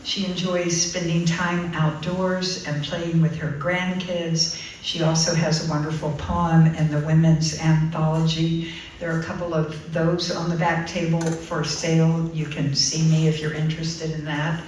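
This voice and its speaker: A woman hosting an open mic, introducing the featured poet in a casual, halting way with frequent ums. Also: low voice, little pitch movement, a little mellow, a little hiss or hum. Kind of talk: live event introduction. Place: art center room at an open mic. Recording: very echoey room, distant mic, faint ambience.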